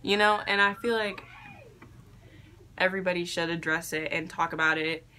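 A young woman vlogging casually, halting and unsure of herself, with a self-deprecating way of talking. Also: on the low side, fairly even intonation, bright, forceful tone. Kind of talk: casual makeup vlog chat. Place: attic bedroom, indoors. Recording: faint background noise, room ambience.

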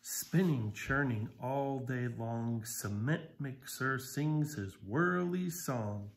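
Reading slowly in a mid-range voice, a middle-aged American man volunteers as a storyteller from a sofa in a small living room. He brings the picture book to life expressively and pauses to explain things simply for young kids.

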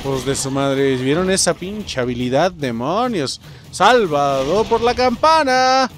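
A young Mexican man giving let's play commentary, excitable, yelling and swearing at the game. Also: a little high, a little slow, slight background noise. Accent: Mexican Spanish. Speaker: gaming channel host.

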